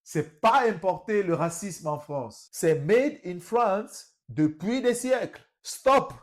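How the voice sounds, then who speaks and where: This man's voice sits high, with lively intonation, and he speaks slowly. A political commentator, he reacts to video clips in a mocking tone, addressing his viewers directly as brothers.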